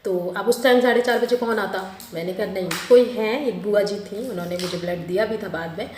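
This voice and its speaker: A young woman tells a personal story in a loose, chatty way, often correcting herself mid-sentence. Her voice sits at an ordinary middle pitch. The room around her is echoey, with a faint hum of noise behind her. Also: brisk. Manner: chatty and expressive, with self-corrections and a few laughs. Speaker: vlogger telling her birth story. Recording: roomy with faint background noise.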